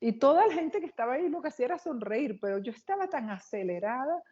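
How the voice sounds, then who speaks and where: Warm-voiced woman telling an excitable story. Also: high voice, breathy edge, lo-fi sound. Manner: animated, quick, excitable retelling. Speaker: interview guest. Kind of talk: personal storytelling in an interview.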